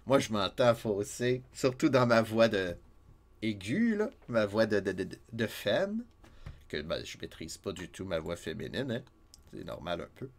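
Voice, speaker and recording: A man's voice: on the low side, sing-song, unhurried, a little hiss or hum. Chatty Québécois man streaming a game. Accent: Québécois French. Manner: chatty, self-mocking, laughs often. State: slightly stuffy from a cold. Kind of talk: casual game commentary.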